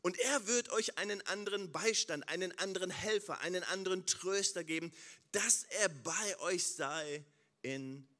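A man preaching a sermon, addressing the congregation with questions and swinging between quiet prayer-like passages and loud exclamations. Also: high voice, moderate pace.

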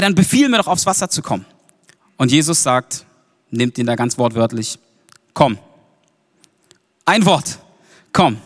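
Lively preacher man in a reverberant hall. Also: mid-range voice. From Germany. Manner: informal and lively, with slangy interjections. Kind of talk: casual, energetic sermon.

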